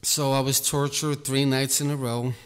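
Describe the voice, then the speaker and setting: A man giving an earnest personal testimony about his ministry, talking slowly and repeating himself. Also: mid-range voice, little pitch movement, smooth, big-room sound. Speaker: ministry leader.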